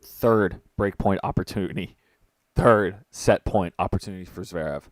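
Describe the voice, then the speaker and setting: Young male streamer, low dry voice, casual excitable play-by-play from home. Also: moderate pace, no echo. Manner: chatty, excitable, jokes with people off mic. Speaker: tennis commentator and host. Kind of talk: casual live-stream commentary.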